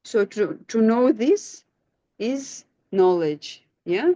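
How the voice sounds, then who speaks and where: A woman's voice: a little high, very animated, slow pace, warm tone, dry recording. A woman, facilitating an online scripture class, patient and questioning as she prompts her students. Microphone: video call. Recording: dull lo-fi video call audio.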